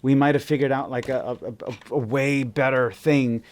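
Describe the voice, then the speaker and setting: A man's voice: mid-range voice, fairly even intonation, moderate pace. A man co-hosting a podcast in casual chat, rambling and swearing, with many restarts. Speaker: podcast co-host.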